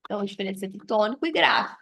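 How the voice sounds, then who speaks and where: A woman's mid-range, gravelly voice with a fairly bright tone races along expressively as she reviews grammar like a teacher. She lays out examples in quick succession, explaining as she goes and often adding "né?" or "tá?".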